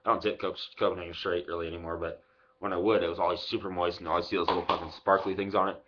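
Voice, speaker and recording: Low-voiced young man, lip full of dip. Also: flat delivery, racing, a bit bright. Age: 20s. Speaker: product reviewer vlogger. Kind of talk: casual unscripted product review, swearing freely. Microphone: webcam microphone at arm's length. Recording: dull lo-fi webcam audio.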